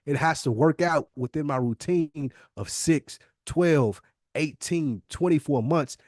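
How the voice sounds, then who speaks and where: Here a middle-aged American man with a voice on the high side speaks a little slowly and somewhat mellowly as a podcast co-host. Casual and motivational, he drives points home with emphatic repetition, captured in clean, echo-free studio sound.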